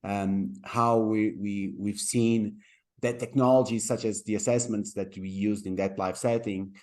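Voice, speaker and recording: A man's voice: lowish voice, fairly even intonation, measured pace, a little mellow. Man, friendly and stumbling. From Portugal. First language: Portuguese. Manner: friendly, repeats words as he searches for phrasing. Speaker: startup co-founder guest. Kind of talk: interview on a video call. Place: home room by a large window. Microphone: webcam on a video call.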